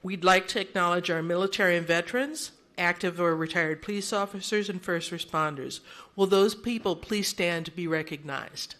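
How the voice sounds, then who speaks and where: Speaking at a normal pace in a lowish, slightly bright voice, an older woman emcees and chairs a seniors' gathering in a big room. She uses a handheld mic for orderly announcements sprinkled with gentle jokes at her own expense, and she leads a prayer.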